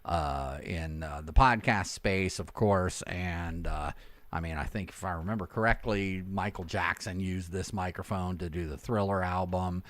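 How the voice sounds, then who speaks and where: A man's voice: a little slow, fairly bright tone, no room sound. A man, a voiceover artist, casually explaining microphone technique from his home studio on a large condenser mic. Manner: chatty, demonstrative, shifts between plain talk and deep announcer voice. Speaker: voiceover artist and video producer. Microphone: large broadcast condenser mic, moved closer and farther.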